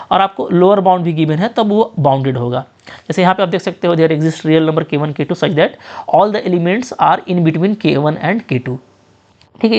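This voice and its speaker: A man teaching an exam-prep math lecture with an Indian English accent, often repeating short check phrases and slowing sharply when he reads out definitions. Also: high-pitched, darkish tone, muffled recording.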